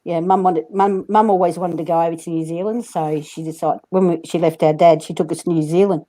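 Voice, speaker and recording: A woman's voice: lowish voice, steady tone, a little fast, warm tone. An Australian woman telling funny stories in casual chat on a video call, laughing often and acting out the voices she quotes. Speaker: livestream host.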